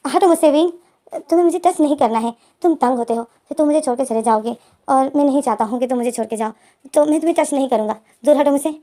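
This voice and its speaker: Woman doing a withdrawn young man in a storybook retelling, high and mellow, firm and distant; light acting. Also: fast, lightly acted. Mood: cold, firm. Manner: firm, pushing away.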